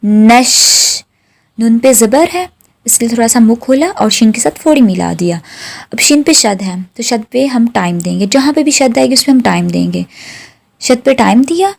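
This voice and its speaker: A woman teaching Quran recitation rules, patiently repeating each syllable slowly for listeners to practice. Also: a little high, lively intonation, creaky. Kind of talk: slow tajweed lesson with drawn-out recitation.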